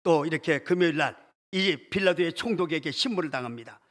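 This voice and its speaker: A man preaching a sermon as a church pastor, with a passionate delivery that leaps up in pitch and drops to near-whispers. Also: expressive, brisk, fairly bright tone. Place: church sanctuary.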